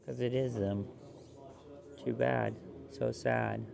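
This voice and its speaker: A man in a rambling monologue to camera, repeating phrases and dropping to low mutters. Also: fairly even intonation, slow pace, vocal fry, music in the background. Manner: repetitive, drops to low mutters.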